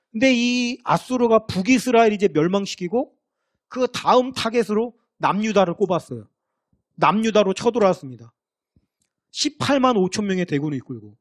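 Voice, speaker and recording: A man's voice: sits high, no echo, studio quality. A man preaching a sermon as pastor, talking to the congregation in a conversational, storytelling way and acting out the people in the story. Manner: conversational, lively storytelling with acted quotes.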